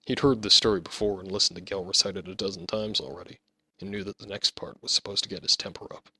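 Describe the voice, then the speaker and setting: A man narrating his own fantasy novel as an audiobook, reading in a measured storytelling manner. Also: deep voice, fairly even intonation, bright, forceful tone, slightly rough.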